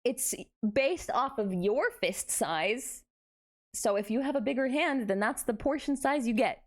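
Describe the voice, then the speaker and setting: A woman's voice: a little high, animated, measured pace. A woman hosting a casual livestream, chatting playfully back and forth with her viewers. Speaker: variety streamer, VTuber host.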